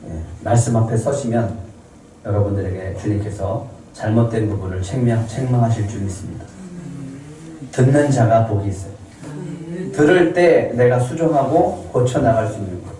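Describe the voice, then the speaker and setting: Warm-voiced pastor preaching in an echoey church. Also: male voice, fairly low pitch, moderate pace, recorded from a distance, slight background noise. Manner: asks the congregation questions and answers them himself; acts out quoted people in a raised voice. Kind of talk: Sunday sermon. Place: church sanctuary. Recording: very echoey room, voice from off the mic.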